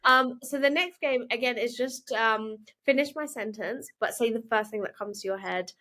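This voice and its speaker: Bright, playful woman hosting a quiz. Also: a little high. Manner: playful, laughs often, quick bursts. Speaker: host. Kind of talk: casual interview with quiz games.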